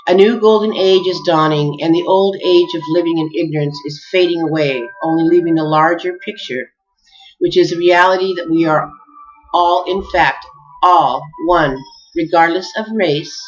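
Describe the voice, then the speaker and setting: A woman giving an earnest, heartfelt spiritual message, measured and addressing her listeners warmly as beloveds. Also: on the low side. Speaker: spiritual speaker. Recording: dull lo-fi recording with faint music.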